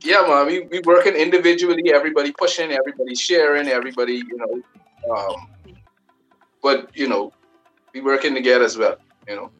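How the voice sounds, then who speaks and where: A man's voice: medium pitch, a little fast, a bit bright, soft background music, poor audio. Laid-back Bahamian man, rambling. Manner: loose and rambling, many fillers. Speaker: new recording artist, guest. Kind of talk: casual interview chat.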